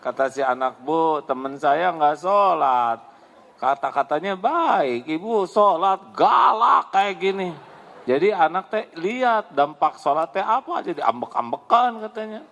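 A man giving a lively Islamic sermon, answering a question, acting out voices and laughing often. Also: high voice, a little slow. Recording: long hall reverb.

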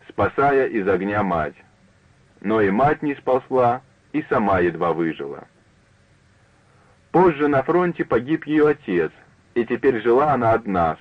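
A man narrating a literary story for radio in a measured, unhurried manner. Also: mid-range voice, dry recording. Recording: narrow phone-like dry broadcast.

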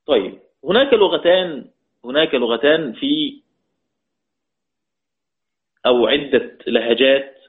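A man's voice: mid-range voice, expressive, slow pace, pauses often. A man teaching a religious lesson on Quran recitation rules, explaining step by step and asking his students questions. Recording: tinny phone-like audio.

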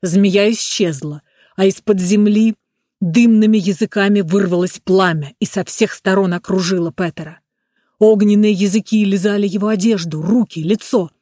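A storyteller reading a fairy tale aloud in a measured, even way. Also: medium pitch, no room sound, studio quality. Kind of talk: scripted narration of a fairy tale.

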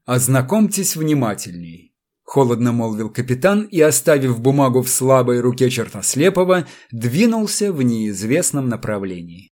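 A man narrating an audiobook in an expressive storytelling manner. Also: medium pitch, normal speed, few pauses. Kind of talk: scripted narration.

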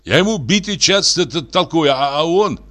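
A man's voice: a little high, animated, normal speed, bright, forceful tone, pitched above the performer's own voice. A man voicing a short, hot-tempered young man who stutters in a storybook reading. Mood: flustered.

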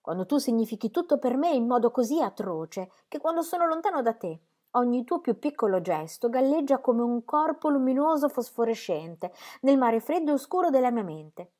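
A woman's voice: high voice, sing-song, moderate pace, few pauses, dark tone, pitched above the performer's own voice. A woman reading an audiobook, voicing a restless, demanding young male artist in impassioned, pleading outbursts.

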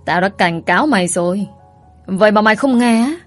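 A woman reading a story, voicing a tough, hot-tempered young man who talks loud and threatening. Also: mid-range voice, brisk, faint music behind, natural voice.

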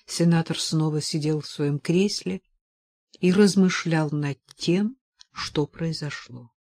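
A woman narrating a classic novel as an audiobook, in a measured, expressive manner. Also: sits low, dry recording, studio quality.

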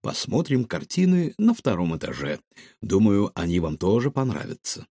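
A man voicing a courteous, gallant elderly professor in a storybook, measured and polite. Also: lowish voice, wildly swooping pitch, warm tone, slightly rough, no echo, clean studio sound, full character voice.

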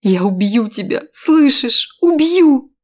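A woman's voice: high-pitched, lively intonation, slow pace, a little mellow, pitched above the performer's own voice, full character voice. Woman playing a screaming desperate young heroine. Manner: screaming, pleading cries.

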